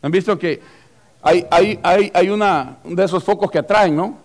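A man preaching a lively sermon in church as pastor, acting out little scenes and asking the congregation questions. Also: high-pitched, normal speed. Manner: animated, acts out scenes and voices, asks the congregation questions.

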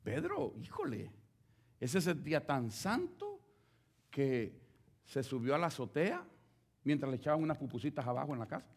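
Male preacher; animated sermon delivery with wide pitch swings and direct questions to the flock. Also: moderate pace, pauses often. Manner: animated, addresses listeners directly with rhetorical questions.

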